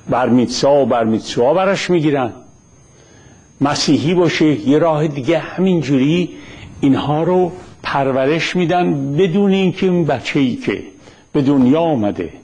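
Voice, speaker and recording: Man, middle-aged, Isfahani accent, husky, blunt, emphatic, lecturing. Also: darkish tone. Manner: blunt, emphatic, rising pitch on key phrases. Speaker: commentator on religion. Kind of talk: monologue lecture.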